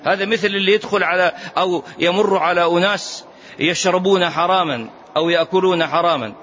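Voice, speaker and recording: A man with a high voice teaches a religious lesson. He presses his points with rhetorical questions and repeats key phrases. The recording is dull and lo-fi. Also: a little fast, a bit bright, a little hiss or hum. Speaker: Islamic lecturer.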